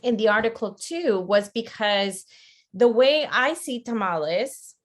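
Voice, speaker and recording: This webinar comes from a woman from Costa Rica who trains teachers. Her voice sits on the high side and is expressive, her pace measured, and she speaks conversationally while frequently checking on her listeners during the online lecture.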